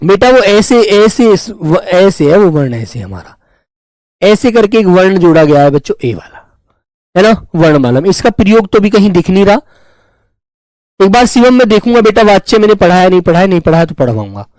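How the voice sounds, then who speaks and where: A man's voice: sits high, expressive, brisk, a little mellow, no echo, poor audio. A man teaching grammar in an online class, fondly calling his students children, repeating each term and answering viewers' comments.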